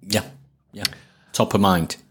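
A man with a Sheffield accent speaks in a low, deep register. His delivery is casual and conversational, like a guest chatting on a podcast about his trade. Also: steady tone, takes it slowly, husky. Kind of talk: casual conversational interview talk.

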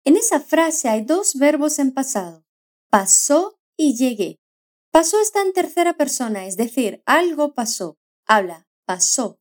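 A woman teaching a language lesson, modelling words slowly and clearly with encouraging prompts to repeat. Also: sits high, sing-song. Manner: slow, carefully modelled repetitions with encouraging prompts. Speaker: Spanish pronunciation teacher. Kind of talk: scripted language lesson narration.

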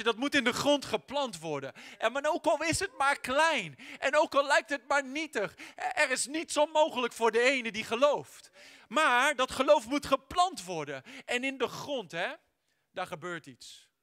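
High, bright-voiced male preacher. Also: lively intonation, a little slow. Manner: emphatic, mixes in English words, rises to near shouting. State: sore throat. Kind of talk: sermon. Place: church.

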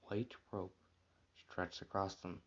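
A man reading a dark story aloud at a plain, unhurried pace, with small slips and restarts. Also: sits low, steady tone, muffled recording.

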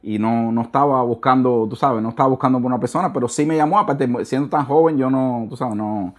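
A man in his thirties, a guest in a casual interview, telling his story with animated restarts and repetitions, now and then slipping in English words. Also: mid-range voice, quick pace.

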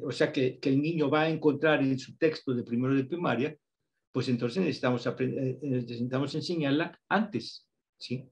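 Mexican man, interview guest, patient teacherly explainer with a slightly raised pitch. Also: a little hiss or hum. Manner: patient, teacherly, spells out examples slowly. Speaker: guest researcher on reading instruction.

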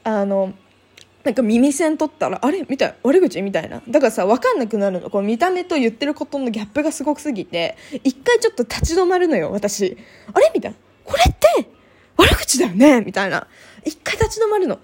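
A young woman tells a personal story in a loose, chatty vlog style, packing her talk with fillers and acting out what others said. Her pitch sits a little high and swings widely. Her tone stays mellow and soft-edged. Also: very animated, quick pace. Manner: chatty, many fillers, acts out quoted remarks. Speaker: vlogger. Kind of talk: casual storytelling monologue.

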